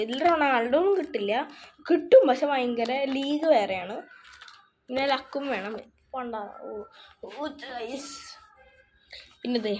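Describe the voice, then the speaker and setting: A woman's voice: fairly high pitch, a little hiss or hum. A woman chatting casually in a show-and-tell vlog, reading names off her cards one by one. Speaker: vlogger showing her card collection.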